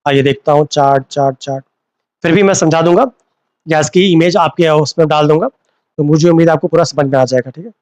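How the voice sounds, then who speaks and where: A man's voice: on the high side, fairly quick, a little mellow, dry recording. A man teaching a live online class, repeating key terms as questions to his students and mixing in English. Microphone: phone.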